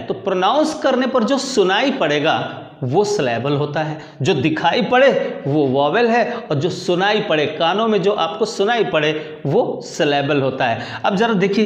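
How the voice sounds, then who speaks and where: A man with a high voice delivers a grammar lesson in lecture style. He repeats the key words and keeps putting questions to his students. The sound has a roomy echo. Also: dull audio. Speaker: English grammar teacher. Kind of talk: classroom lecture in Hindi. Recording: echoey room.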